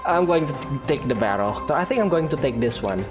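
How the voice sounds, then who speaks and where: A gaming YouTuber with a mid-range, expressive voice talks fairly quickly while he plays, game music running underneath. He's chatty and reactive, groaning and laughing at what happens on screen.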